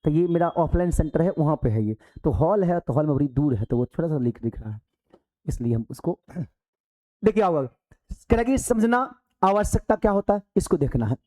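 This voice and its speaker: Guy teaching a live class, chatty, throws questions at students, mellow tone. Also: on the high side, lively intonation, moderate pace. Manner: conversational, rhetorical questions, acts out pupils. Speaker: exam coaching teacher. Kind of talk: live online class lecture. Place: hall of an offline coaching centre.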